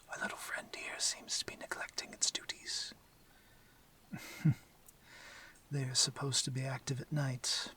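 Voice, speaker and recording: Voicing a courteous, protective, commanding vampire lord, a man delivers soft, measured, formal phrases that often turn whispery in an intimate ASMR audio drama. His husky voice is mid-range, and the mood is soft and amused.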